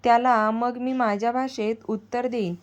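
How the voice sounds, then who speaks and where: A woman voicing a young married man, a protective nephew quick to anger, speaking earnestly to his aunt. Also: fairly high pitch, steady tone, muffled recording, natural voice.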